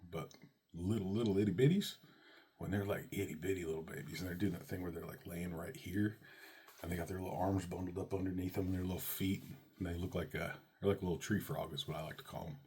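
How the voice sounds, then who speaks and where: A man telling a personal story about being a father, animated and leaping high on exclamations. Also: fast talker, a little hiss or hum.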